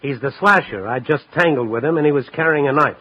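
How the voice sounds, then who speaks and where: In a 1950s radio drama, a male actor plays a tough, dogged night-beat newspaper reporter, narrating and speaking in terse, urgent, hard-boiled fashion. His voice is a little high and slightly rough, he talks fast, and the highs are cut off.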